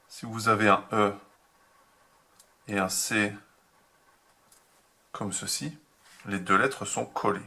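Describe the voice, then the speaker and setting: A man teaching a remote handwriting lesson to young children, slow and patient, spelling out each step. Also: lowish voice, creaky, bright, forceful tone, husky. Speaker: kindergarten teacher.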